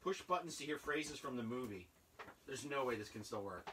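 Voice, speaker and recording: A man in his thirties chatting casually and rambling with excitement as he unboxes old toys in a cluttered basement room. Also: mid-range voice, moderate pace, distant mic, background noise. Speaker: toy collector vlogger. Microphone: camera a few feet away.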